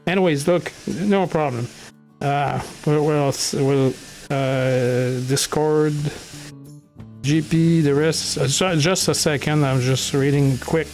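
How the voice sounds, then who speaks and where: Slow, halting man greeting his stream chat. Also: on the high side, a little mellow, faint music behind. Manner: halting, with many restarts and chuckles; greets viewers and reads chat aloud. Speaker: livestream host. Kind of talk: casual livestream chat.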